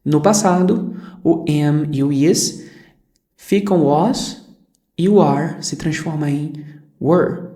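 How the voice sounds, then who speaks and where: A teacher talks through a grammar lesson at an unhurried, slow pace. The voice is soft and mellow, and the teacher patiently repeats examples and checks that the listener follows. The recording sits in an echoey room. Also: mid-range voice. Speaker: English teacher.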